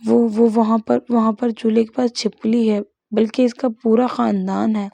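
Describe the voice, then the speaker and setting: A woman voicing a timid, gentle young woman who speaks meekly, as part of a story reading. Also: fairly high pitch, little pitch movement, creaky, dry recording.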